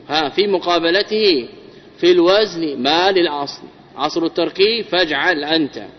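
Male teacher, fairly high voice, lecture style, long hall reverb, rhetorical questions. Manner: drills word patterns with rhetorical questions. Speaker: teacher of Arabic grammar. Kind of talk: classroom lecture on Arabic morphology. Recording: dull lo-fi recording with long reverb.

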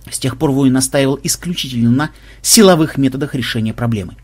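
Husky man narrating a comic tale. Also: mid-range voice, quick pace, a little mellow. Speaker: audiobook narrator. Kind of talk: scripted narration.

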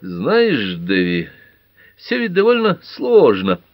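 A tall, grey-haired older father talks slowly and with weight, as a man puts him on for an audiobook. He picks his words with care, and his lively voice sits higher than the narrator's. The reading is dry and close. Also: no echo, lo-fi sound, full character voice. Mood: grave.

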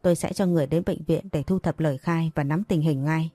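A woman's voice: low-pitched, a little fast, warm tone, no room sound. A woman voicing a male night-duty policeman who speaks in a reassuring, matter-of-fact way.

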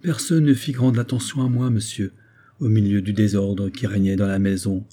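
A man's voice: lowish voice, fairly even intonation, moderate pace, warm tone, lightly acted. A man reading an audiobook voices a tender carpenter's wife who pleads tearfully and speaks deferentially, calling her listener "sir". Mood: sorrowful. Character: tender, tearful carpenter's wife, middle-aged servant woman.

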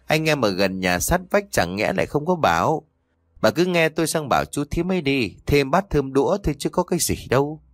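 A kindly, family-minded village husband in an audio storybook, as the male narrator voices him. He coaxes gently, in a lively, dry-sounding voice. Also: medium pitch, brisk, no room sound, natural voice. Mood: gentle.

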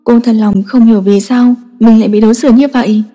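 A woman narrating a dramatic story in a steady, emotive reading. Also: fairly high pitch, fairly quick, faint music behind. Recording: long echoing reverb.

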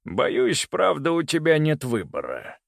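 A man's voice: fairly high pitch, wildly swooping pitch, a little slow, gravelly, no room sound, clean studio sound, voice pushed up, full character voice. A man voicing a ruthless older grandfather, lord of birds, with a menacing, sneering manner. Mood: mocking. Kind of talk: audiobook character voice.

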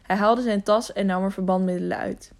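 Gravelly-voiced woman narrating an audiobook. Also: medium pitch, brisk. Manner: steady reading with occasional self-corrections. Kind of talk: scripted narration of a children's adventure novel.

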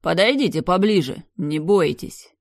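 A woman puts on a dangerous, commanding man from a storybook, cold and mocking. He speaks slowly and calmly, with a quiet threat under each word, and his voice sounds close and dry. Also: lowish voice, dry recording. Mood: cold menace. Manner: calm, threatening, measured delivery.

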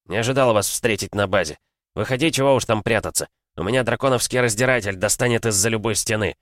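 A man reading an audiobook voices a mocking, unhinged male colonel who taunts loudly. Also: on the low side, quick pace, no room sound, clean studio sound, close to an everyday voice. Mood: taunting. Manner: taunting, cackling, loud.

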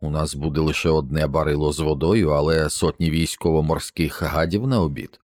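A man's voice: a bass voice, steady tone, fairly quick, darkish tone, dry recording, clean studio sound. A man voicing an earnest, worried expedition doctor who reasons carefully, in an audiobook. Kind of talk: audiobook character reading.

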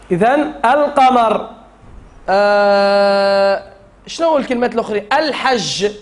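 A man with a Tunisian Arabic accent teaching a Quran recitation class, drilling the students and chanting the rules in verse. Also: extremely high pitch.

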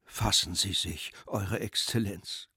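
A man voicing an anxious, timid bridegroom who murmurs in a hushed voice. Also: low-pitched, steady tone, takes it slowly, husky, no echo, clean studio sound, voice pushed down, exaggerated voice.

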